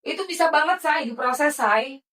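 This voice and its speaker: Dramatic gossiping woman, slightly high. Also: moderate pace, a bit bright. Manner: dramatic, indignant, with endearments. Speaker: live-stream commentator. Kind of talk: gossipy live-stream commentary.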